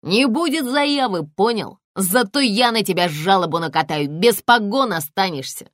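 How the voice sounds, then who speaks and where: A brash young street thug, put on by a woman reading an audiobook, loud and crude with his slang. The voice jumps up high and swings widely, recorded dry and close. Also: animated, normal speed, no echo, natural voice. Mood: brash gloating.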